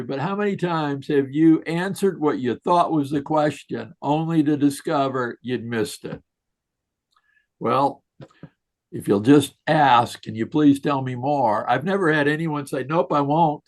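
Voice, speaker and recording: A man giving a folksy, storytelling leadership talk to an online group, chuckling and asking rhetorical questions. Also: on the high side. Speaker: leadership speaker. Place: online video session.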